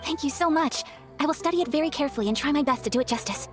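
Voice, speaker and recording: A woman voicing a gracious young noblewoman in a video game, speaking politely and gently with formal, earnest phrasing. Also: high-pitched, racing, over music, natural voice. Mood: polite, pleased.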